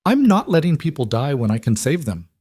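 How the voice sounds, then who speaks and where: A man's voice: fairly low pitch, drawn-out words, no room sound, studio quality, exaggerated voice. A man reading as a fierce young woman. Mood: determined. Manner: steady, fierce. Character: young woman with hidden healing power, fierce.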